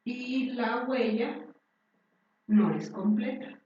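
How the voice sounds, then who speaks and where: A woman giving a university lecture, speaking slowly and deliberately with many fillers and restarts. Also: fairly high pitch, dark tone. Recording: very echoey room, distant and dull.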